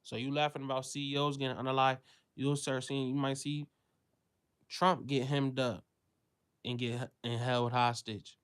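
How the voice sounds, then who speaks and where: A man from the United States gives an unscripted, profane commentary monologue in a smooth voice with little pitch movement and a moderate pace. His rant dips into low, quiet mutters and then jumps to loud, high-pitched exclamations as he mocks others.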